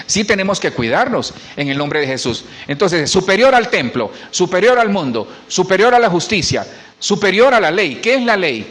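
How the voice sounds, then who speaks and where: Man, middle-aged pastor, church sermon, lively swooping delivery, fairly high voice. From Honduras. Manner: animated preaching with questions to the congregation.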